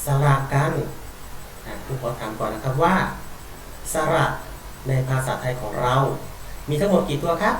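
A male primary teacher leads a first-grade lesson, speaking each vowel sound slowly and clearly in a gentle, encouraging way. His voice sits in a middle pitch and sounds far from the microphone. The classroom is very echoey, with steady background noise. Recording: very echoey room, voice from far off, noisy.

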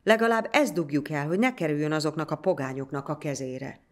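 A woman voicing a stern, proud village priest who scolds gruffly in a storybook tale. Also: sits low, close to an everyday voice. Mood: scolding.

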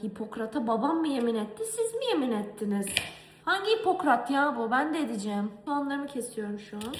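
A young woman from Turkey telling a story in a casual cooking vlog, animated and exasperated. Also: high voice, brisk, echoey room, a little hiss or hum. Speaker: vlogger. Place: home kitchen.

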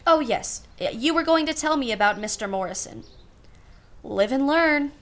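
A woman's voice: sits high, lively intonation, normal speed, a bit bright. Woman as wry, genteel Aunt Eleanor. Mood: wry, arch. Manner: arch, formal, dryly ironic. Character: wry, genteel society aunt, privately exasperated. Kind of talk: radio play acting.

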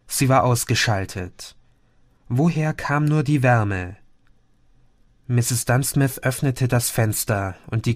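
Calm male audiobook narrator, dry sound. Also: medium pitch, dry recording. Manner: calm, measured storytelling. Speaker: audiobook reader. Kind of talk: scripted narration.

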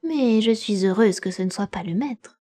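Woman reading as a soft-spoken kindly servant. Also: mid-range voice, lively intonation, moderate pace, close to an everyday voice. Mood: reassuring. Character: kindly farm servant woman, calm and reassuring.

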